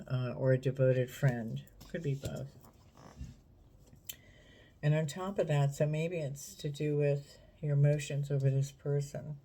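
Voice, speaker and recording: A woman reading tarot cards in a casual, unhurried way, musing aloud and talking straight to the viewer. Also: low-pitched, mellow. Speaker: tarot reader.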